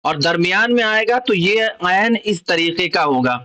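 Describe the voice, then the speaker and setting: Patient urdu-accented guy teaching kids their letters, high bright voice, says each sound twice. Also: lively intonation, rough recording. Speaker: Arabic alphabet teacher for children. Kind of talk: slow explanatory lesson.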